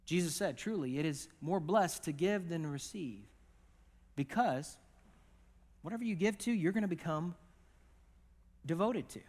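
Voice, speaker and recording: A man preaching a sermon as pastor, with conversational, animated storytelling and acted-out quotes. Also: fairly high pitch, normal speed, pauses often, big-room sound. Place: church auditorium.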